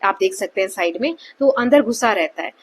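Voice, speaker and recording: A woman explaining a textbook lesson as a teacher, with an Indian accent. She goes slowly line by line and keeps checking in with her students. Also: mid-range voice, lively intonation, slightly rough. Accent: Indian English.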